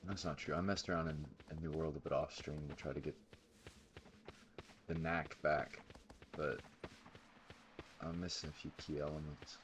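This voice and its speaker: A man's voice: extremely low pitch, fairly even intonation, normal speed, long pauses, noisy background. A man streaming a game live, rambling casually and thinking aloud with sudden exclamations. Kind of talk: casual gameplay commentary.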